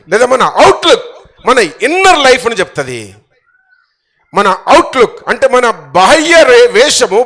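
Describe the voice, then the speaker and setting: A male pastor, hoarse and strained, preaching a fervent sermon with sudden shouts and repeated phrases. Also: high-pitched.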